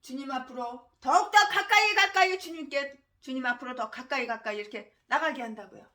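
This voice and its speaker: A woman pastor preaching a sermon, stressing her points by repeating words and phrases and breaking into harsh shouted tirades. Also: high-pitched, a little fast, reverberant. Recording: voice distant from the mic.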